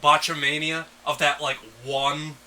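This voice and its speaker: A man co-hosts a podcast in easy, casual chat, often laughing and reading items from a list. His voice sits somewhat high and sounds very bright and cutting. A faint hiss of noise runs underneath. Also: flat delivery, a little slow, low-quality recording. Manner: laughs often, reads lists aloud. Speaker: podcast co-host.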